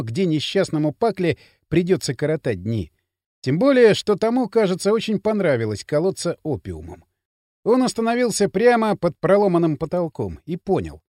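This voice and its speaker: A man narrating an audiobook with a dramatic, expressive reading. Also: sits high, dry recording, clean studio sound. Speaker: audiobook reader.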